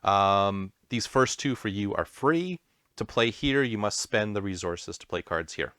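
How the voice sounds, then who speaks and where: A man's voice: fairly low pitch, lively intonation, a little slow, a bit bright, clear, resonant tone, no room sound, clean studio sound. A man hosting a casual board game stream, explaining the rules with self-deprecating asides. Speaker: host.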